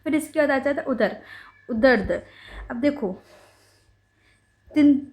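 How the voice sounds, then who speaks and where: A woman's voice: high-pitched, animated, slow, a little mellow. A young woman teaching ayurveda through playful mnemonic stories, repeating and correcting herself as she goes. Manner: playful storytelling with repetition and self-corrections. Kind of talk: mnemonic lesson explanation.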